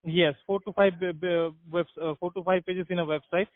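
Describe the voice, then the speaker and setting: A man with an Indian accent talks in a fairly high voice over a dry, tinny phone line. He is a telemarketer explaining things hesitantly in a business call, often checking that he is understood. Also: fairly even intonation, a little fast, no room sound. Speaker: telemarketer selling website services.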